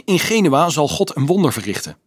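A zealous young shepherd boy, speaking higher and fervently, as a male reader puts him on. The sound is husky and dry, with a lively, animated lilt. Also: no room sound. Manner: fervent, quick murmuring.

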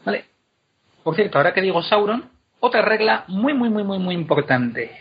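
A man explaining pronunciation in a casual, animated way, drawing words out slowly to demonstrate them. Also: high voice, slightly rough. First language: Spanish. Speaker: guest explaining Elvish pronunciation. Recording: dull lo-fi podcast recording.

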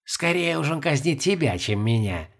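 A scheming old woman, as a male narrator puts her on, talks in a dry, needling hush, her voice gravelly and husky. She sounds sly and sharp-tongued, lifting her pitch a little above the narrator's own. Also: sing-song, normal speed. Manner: dry, needling, quietly triumphant. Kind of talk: audiobook character voice.

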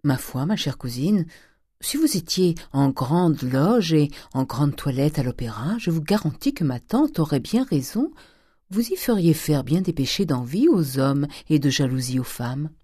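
A woman reading an audiobook, voicing a flattering young male Parisian dandy in an airy, coquettish way. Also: deep voice, unhurried, husky, dry recording, clean studio sound, exaggerated voice.

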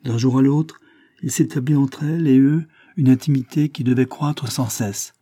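A man narrating a classic short story in a measured, even audiobook reading. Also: medium pitch, no echo, studio quality.

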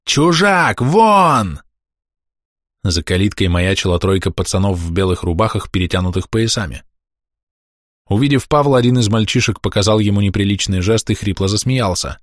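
Male narrator, low voice, measured and tense delivery, dry booth sound. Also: dry recording. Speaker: audiobook narrator. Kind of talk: dramatic audiobook narration.

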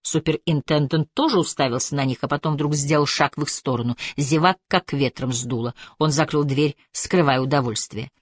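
A woman reading an audiobook in an even, measured narration. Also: low-pitched, no room sound. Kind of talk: scripted narration.

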